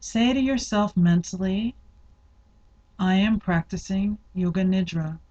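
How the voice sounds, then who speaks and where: A woman guides a yoga nidra meditation, giving instructions in measured, deliberate, spaced-out phrases. Her voice is medium-pitched and mellow, with the highs cut off.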